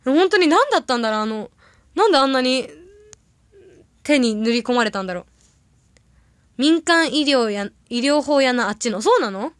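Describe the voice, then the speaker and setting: A young woman with a bright, high voice chats casually to her livestream audience. She rambles through stories and reacts quickly to comments. The sound is dry, with no room echo. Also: expressive. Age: young adult. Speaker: idol audition candidate livestreaming. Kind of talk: casual livestream chat reading viewer comments.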